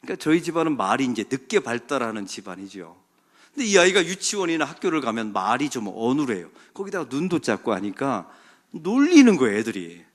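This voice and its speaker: A middle-aged man, a senior pastor, preaching a sermon in a church sanctuary with emphatic swings from loud calls to hushed asides. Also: medium pitch, big pitch swings, fairly quick.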